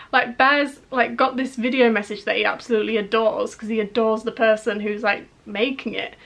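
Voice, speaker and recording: A woman's voice: a little high, a bit bright. Chatty young woman gushing as a fan. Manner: gushing, chatty, many likes and restarts. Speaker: vlogger. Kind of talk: casual fan chat to camera.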